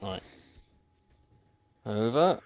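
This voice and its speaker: A man's voice: drawn-out words, darkish tone. A man streaming a survival game, chatting casually to viewers with dry, wry asides. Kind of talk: casual gameplay commentary. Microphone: desk microphone.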